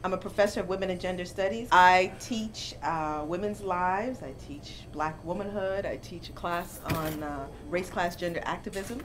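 Seated in an armchair in a bookstore, a Jamaican-born woman professor talks as an interview guest at normal speed with hardly any pauses. Her lowish voice tells stories animatedly, getting louder and laughing when amused, over background noise.

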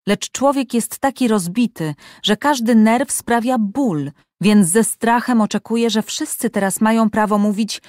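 Narrator as a calm wise lady talking gently, soothing, dry close audiobook voice. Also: a little high, no room sound, voice pushed up. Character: calm, wise older woman, gently reassuring.

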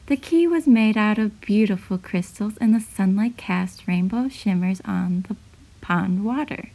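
A woman narrating a children's bedtime storybook at a medium pitch. Her reading is gentle, clear and steady. It sounds like a read-aloud. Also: measured pace, rough recording.

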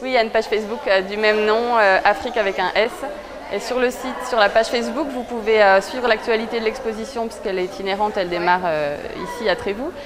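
Here the thirty-year-old exhibition creator from eastern France's Besançon area speaks fast, with a medium pitch and steady tone. She explains things hesitantly in a casual interview inside an exhibition hall, busy crowd noise behind her.

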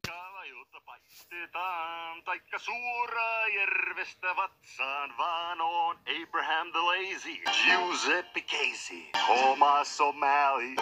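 A man voicing a boastful, easygoing male alley cat, singing in an animated film dub. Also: fairly high pitch, lightly acted. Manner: sung, breezy and boastful. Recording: dull film soundtrack with music.

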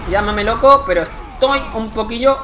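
A young man from Spain with a Spanish accent, commenting live on his gameplay, excitable and swearing often in frustrated outbursts. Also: high voice, moderate pace, a little hiss or hum. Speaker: gaming youtuber.

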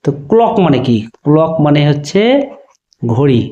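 A man teaching a spoken lesson to students, spelling letters out slowly and often checking that they understood. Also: fairly high pitch, very animated, warm tone, dull audio. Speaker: online teacher.

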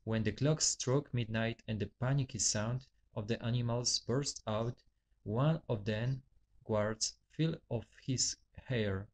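A man reading his own novel aloud, halting often and correcting his own stumbles. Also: mid-range voice, a little mellow. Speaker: author.

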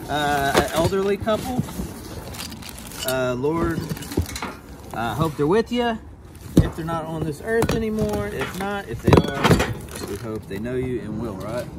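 A man in his thirties with a drawl talks straight to a handheld camera outside storage units, chatty and quick with jokes. His pitch swings widely and sits a little high. Steady outdoor noise runs behind him. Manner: chatty, animated, jokey asides. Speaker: storage unit vlogger. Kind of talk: casual unboxing chat to camera. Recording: outdoor recording with clear background noise.

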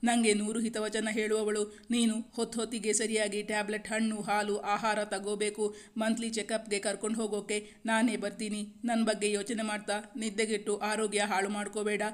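A gentle young husband from a spoken storybook speaks softly and soothingly, as a woman narrator puts him on. The voice barely rises or falls, staying in one flat, even band. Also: mid-range voice, a little fast, lightly acted. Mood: caring. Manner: soft, soothing.

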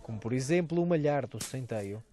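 A man's voice: mid-range voice, expressive, warm tone. A man with a European Portuguese accent, reading a scripted news voice-over as a reporter. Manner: brisk, measured narration.

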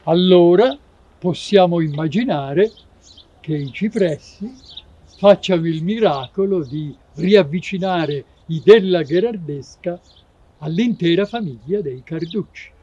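An actor playing an old nineteenth-century poet who declaims verse and asks courtly questions. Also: male voice, sits high, a little slow, dark tone, dull audio, a little hiss or hum. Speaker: actor in a short film. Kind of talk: amateur theatre acting.

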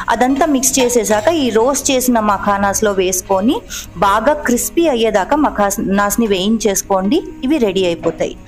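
A woman's voice: fairly high pitch, darkish tone. A woman in her thirties or forties narrating her cooking vlog in a chatty, explanatory way, explaining each step as she goes. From Telugu-speaking India. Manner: chatty, explanatory, mixing English words into Telugu. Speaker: cooking vlogger. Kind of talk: voice-over narration of a cooking video.

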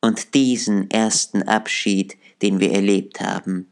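A man voicing a poor, gentle father in an audiobook, speaking tenderly and solemnly. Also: lowish voice, flat delivery, measured pace, creaky. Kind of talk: audiobook character reading.

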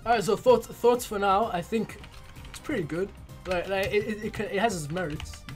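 A young man with a high-pitched voice plays and commentates as a hyped gamer bro. He swears and trash-talks casually, with music and keyboard typing behind him. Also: normal speed. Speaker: gaming video host.

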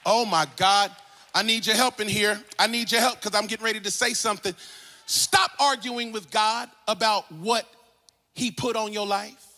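A man pastor preaching a sermon in a church, swinging from soft asides to sung, shouted calls and responses. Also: high voice, steady tone, moderate pace. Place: large church sanctuary.

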